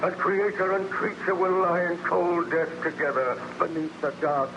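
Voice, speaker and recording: A man's voice: high-pitched, normal speed, lo-fi sound. An actor playing a bitter, anguished, lonely man-made monster in solemn, declamatory 1930s radio drama style. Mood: mournful, resolved. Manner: declamatory, solemn, theatrical, formal phrasing. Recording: noisy, band-limited 1930s radio recording.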